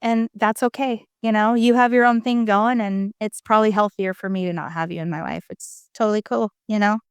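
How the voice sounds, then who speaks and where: A woman guest in an interview, sharing her personal story in a candid, animated, emphatic way with frequent conversational fillers. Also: brisk, smooth, no room sound. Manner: animated and emphatic, with big pitch swings.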